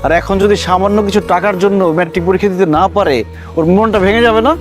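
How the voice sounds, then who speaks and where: An actor playing a kind-hearted young husband who talks earnestly, lecturing and pleading. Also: male voice, high voice, steady tone, fast talker, over music, close to an everyday voice. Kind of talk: TV drama acting.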